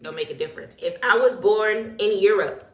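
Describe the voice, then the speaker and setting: A woman's voice: mid-range voice, brisk, roomy sound, muffled recording. A woman hosting a casual reality TV recap while getting ready, talking in a sassy, opinionated way full of slang and asides. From Haitian heritage.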